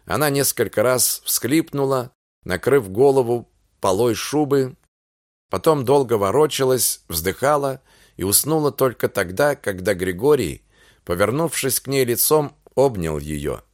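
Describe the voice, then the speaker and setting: Expressive male audiobook narrator, dry sound. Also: mid-range voice, a little slow, no echo. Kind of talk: scripted literary narration.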